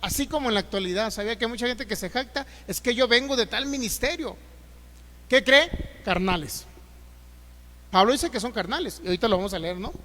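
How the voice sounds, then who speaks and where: A Mexican man preaching in a church hall, his voice sitting unusually high for a man. He slows down and gets louder whenever he reads scripture, then drives the point home with rhetorical questions to the congregation. A long reverb trails behind every phrase. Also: animated. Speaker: pastor. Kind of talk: sermon.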